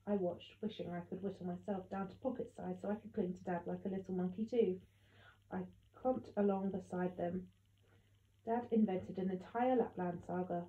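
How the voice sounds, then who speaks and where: A woman narrating an audiobook in the first person with steady storytelling. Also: mid-range voice. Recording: echoey tinny phone-like sound.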